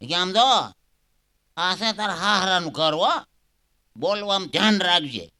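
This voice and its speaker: A man voicing a shrill, scolding mother-in-law. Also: measured pace, pushed and bright, full character voice. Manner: scolding, stern. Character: bossy middle-aged mother-in-law.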